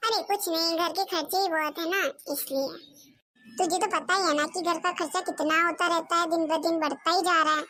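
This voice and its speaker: A woman's voice: very high voice, fairly even intonation, moderate pace, bright, forceful tone, soft background music. A woman voicing a stingy, scolding middle-aged mother-in-law in a cartoon, nagging about household costs.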